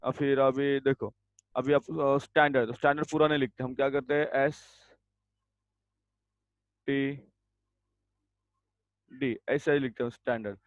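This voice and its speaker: A man teaching a grammar lesson over a video call, giving slow, deliberate definitions and sternly telling students to mute. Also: medium pitch, steady tone, no echo. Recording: dull lo-fi video call audio.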